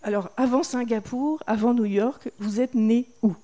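Female host, mellow tone, higher pitch, friendly questions. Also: normal speed. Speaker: interviewer host. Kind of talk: festival interview.

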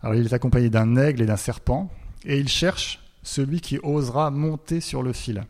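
A man's voice: mid-range voice, normal speed, darkish tone. A man giving a lecture, speaking hesitantly with many fillers and repeated words.

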